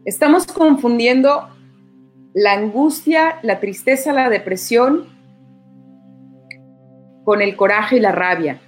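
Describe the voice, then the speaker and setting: A woman's voice: fairly high pitch, expressive, takes it slowly, pauses often, soft background music. A middle-aged woman, a voice-over artist and teacher, talking in an interview and acting out quoted lines in a raised voice. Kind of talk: conversational interview answer.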